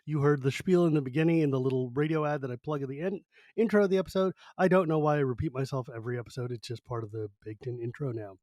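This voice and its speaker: A man's voice: mid-range voice, steady tone, very fast, a little mellow, dry recording. A man hosting a podcast in a chatty, wry, casual style, often restarting his thoughts. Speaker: podcast host. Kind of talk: casual chat.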